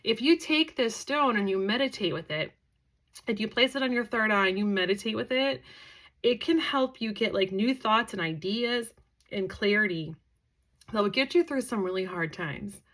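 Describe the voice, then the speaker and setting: A chatty young woman talks to camera in a loose, rambling way, full of fillers and side tangents. She sounds tired and lets yawns slip in. Her pitch sits in an ordinary middle range for a woman. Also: expressive, normal speed, a bit bright. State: tired, yawning. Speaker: psychic medium and crystal vlogger. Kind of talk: casual rambling talk to camera.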